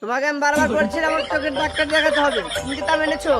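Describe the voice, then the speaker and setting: A man's voice: very high voice, steady tone, very fast, loud music behind the voice. A man playing a stubborn, argumentative, rambling drunk in a comedy skit. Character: belligerent drunk man, slurring, stubborn, foolish.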